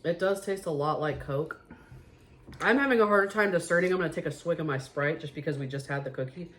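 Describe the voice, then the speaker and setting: A woman hosting a casual food review vlog, chatty and excitable, talking straight to her viewers. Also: deep voice, brisk. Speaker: vlog host.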